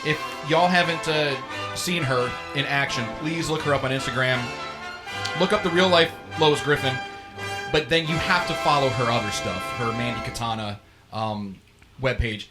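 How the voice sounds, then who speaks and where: A man's voice: mid-range voice, steady tone, normal speed, over loud music. A man hosting a podcast, introducing the guests with laughing, joking banter. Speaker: host.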